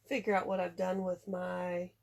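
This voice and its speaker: A woman's voice: on the low side, completely flat delivery, moderate pace, gravelly, darkish tone, a little hiss or hum. A congested woman chatting casually through a craft tutorial, talking through each step as she works. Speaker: card-making demonstrator.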